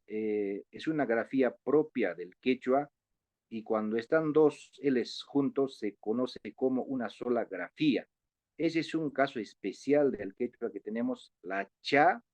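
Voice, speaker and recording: A man teaching an online class at an unhurried, deliberate pace, with a patient manner and frequent hesitations. He sounds dry and close, with no room around him. The sound is dull and lo-fi, like a computer mic on a video call. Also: mid-range voice, darkish tone, dry recording. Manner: patient, spells out syllables slowly, many fillers.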